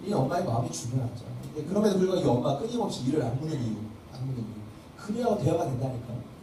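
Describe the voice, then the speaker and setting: A man teaching a church parenting workshop, talking fast and quizzing the room as he goes. His voice is mellow and a little high, with a lively, swinging pitch. He sounds distant from the mic, in a very echoey hall with a faint hiss behind him. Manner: quizzes the audience and acts out parent-child dialogues. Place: church welfare hall classroom.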